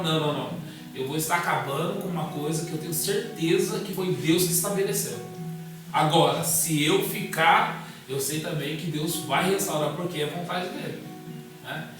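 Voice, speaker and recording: A man, a guest pastor telling a personal testimony in casual conversation, acting out the dialogue as he goes. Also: on the high side. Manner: animated storyteller acting out dialogue. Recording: echoey room, distant mic, music underneath.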